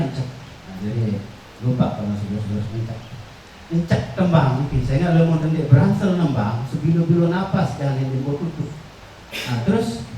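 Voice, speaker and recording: A man's voice: a little high, mellow. Guy teaching a class, lots of uh and repeats, super echoey room, faint hum behind. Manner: explains slowly with many fillers and repetitions. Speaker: workshop instructor. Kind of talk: teaching talk on traditional verse. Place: workshop room. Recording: echoey room, far from the mic.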